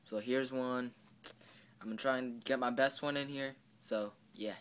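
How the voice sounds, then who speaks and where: A man's voice: medium pitch, steady tone, normal speed, fairly bright tone, smooth, rough recording. A teenage boy vlogging casually while walking his dog outside, talking in a loose, mumbling way. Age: teens. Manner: casual, mumbling, swears lightly. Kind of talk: casual vlog.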